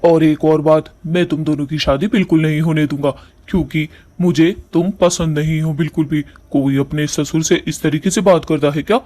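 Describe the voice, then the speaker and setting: A shameless old father-in-law from a cartoon story, voiced by a man wheedles and drawls. His voice sits a little high. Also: steady tone, mellow, natural voice. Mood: wheedling. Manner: wheedling, drawn-out.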